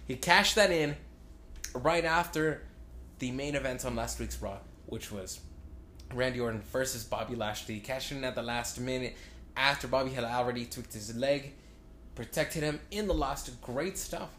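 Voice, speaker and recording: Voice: mid-range voice, normal speed, a bit bright, roomy sound. Podcast host, mid-range voice, slangy, emphatic, repetitive phrasing, casual talk, noisy background.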